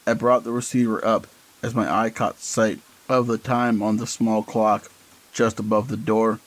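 Low-voiced man narrating a horror story. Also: little pitch movement, unhurried, poor audio.

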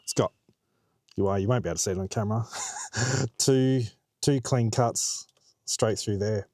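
A man's voice: lowish voice, moderate pace, a little mellow, no room sound. Laid-back Australian man chatting outdoors. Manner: laid-back, chatty, laughs often, swears casually. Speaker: vlogger. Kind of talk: casual outdoor vlog chat. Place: outdoors by a quiet plantation road.

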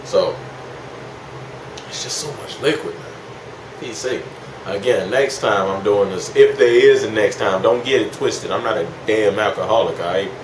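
A man's voice: fairly low pitch, moderate pace. A man of twenty-one, tipsy and rambling, in a casual, swearing, slangy confessional chat. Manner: heavily profane, slangy. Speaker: vlogger. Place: small indoor room at home. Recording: echoey room with clear background hiss.

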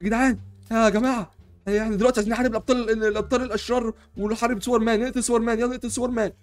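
A young man with an Egyptian accent, playing a superhero in a block-building game, talking loudly and frantically with constant exclamations. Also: extremely high pitch, flat delivery, rapid-fire, faint music behind. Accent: Egyptian Arabic. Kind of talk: excitable role-play over gameplay.

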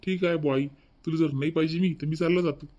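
A man's voice: a little high, fairly even intonation, quick pace, warm tone, muffled recording, lightly acted. A man with a Vidarbha Marathi accent voicing a lazy, back-talking thirty-year-old son in a cartoon. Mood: cheeky back-talk. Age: 30s. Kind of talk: cartoon voice acting.

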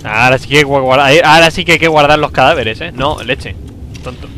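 A man from commentating a video game he is playing, talking to himself, with a sore throat, excitable and prone to loud outbursts. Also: medium pitch, quick pace, a little hiss or hum, poor audio. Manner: excitable, talks to himself, bursts into loud exclamations. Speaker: gameplay commentator. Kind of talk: let's play commentary.

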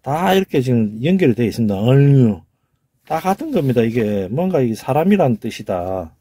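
A man with a Gyeongsang Korean accent lectures in an emphatic, informal way, repeating words and sounding them out. His pitch swings widely, and his voice is husky and mellow. The sound is dry and close. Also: big pitch swings, fairly quick.

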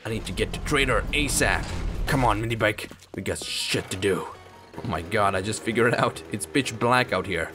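Excitable swearing man narrating gameplay. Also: fairly low pitch, normal speed. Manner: excitable, swears a lot, talks to himself and the game. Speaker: gaming channel host. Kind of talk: let's play gameplay commentary. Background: game music.

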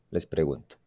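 A very deep voice, gravelly and husky yet warm in tone, belongs to a man teaching an English class. During the lesson he explains grammar and repeatedly asks his students questions to confirm they understand.

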